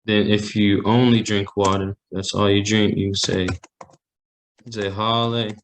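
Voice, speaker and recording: A man teaching a language class over a video call, slowly repeating phrases for learners. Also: lowish voice, little pitch movement, slight background noise.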